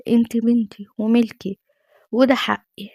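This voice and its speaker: A cold, manipulative middle-aged father from a spoken story, read by a woman narrator. He talks in a dismissive, calculating way. The voice is warm and a little high, and it sounds dry and slightly lo-fi. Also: little pitch movement, normal speed, dry recording. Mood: sly.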